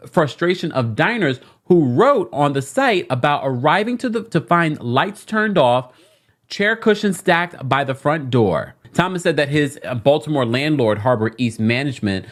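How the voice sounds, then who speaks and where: A woman's voice: low-pitched, lively intonation, a little slow. A woman from London reading a news article aloud on a podcast, breaking off with indignant asides. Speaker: podcast co-host.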